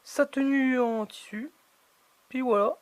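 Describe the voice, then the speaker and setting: She goes slowly through the figurine unboxing, her high voice fairly even in intonation. The commentary is relaxed and chatty but hesitant, full of fillers and pauses for words. It's a close, dry recording with no echo.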